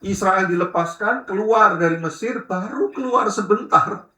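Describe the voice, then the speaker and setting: Brief: a chatty male pastor, bright and tense, recorded in an echoey church hall. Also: high-pitched, a little slow, a little hiss or hum. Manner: lively, chatty, keeps addressing the congregation. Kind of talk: sermon.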